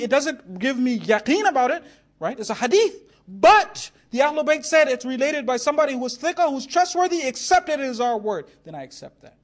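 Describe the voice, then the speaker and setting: A man giving a religious lecture, moving from reasoning into an impassioned story, dropping soft for narration and rising when quoting. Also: very high voice. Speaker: preacher.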